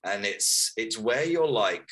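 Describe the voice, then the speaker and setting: A man's voice: lowish voice, animated, slow, fairly bright tone, poor audio. A man of thirty, telling his life story earnestly as an author guest in a casual interview. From Wales, raised in London. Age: 30s.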